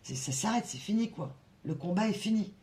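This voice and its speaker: A woman giving a casual tarot reading, talking in an animated way and full of restarts and fillers. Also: mid-range voice, a little fast. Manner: breaks into soft sung song lines. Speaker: tarot reader.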